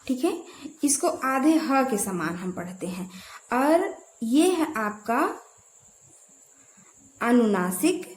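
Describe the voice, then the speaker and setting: The Hindi teacher's fairly high voice swings widely in pitch, moving slowly with long pauses. Recorded in an echoey room, she teaches grammar by asking her own questions and repeating key terms as drills.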